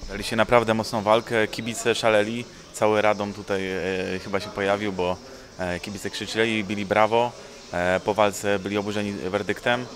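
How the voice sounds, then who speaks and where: A man's voice: fairly low pitch, flat delivery, normal speed, a bit bright. A male interviewer asking a boxer direct questions after a fight, with frequent filler sounds.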